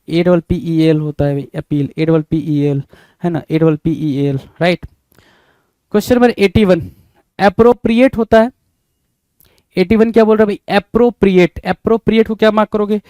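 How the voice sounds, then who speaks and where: A man's voice: sits high, darkish tone, dry recording. A man teaching English spelling in Hindi, spelling words letter by letter and repeatedly asking the listener what the answer is. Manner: repeats questions to the listener, often adding "bhai".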